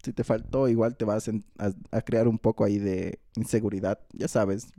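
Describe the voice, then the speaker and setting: A man's voice: lowish voice, steady tone, normal speed, mellow, no room sound, clean studio sound. A young man, co-hosting a crude, casual chat. He swears freely, laughs often and acts out angry quoted rants. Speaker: podcast co-host.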